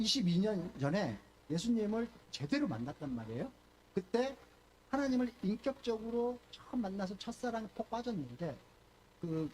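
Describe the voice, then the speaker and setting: An older male pastor giving a sermon, telling stories with animated delivery and acting out quoted speech. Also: high-pitched, a little hiss or hum. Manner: animated storytelling, voices quoted speech, fillers and restarts.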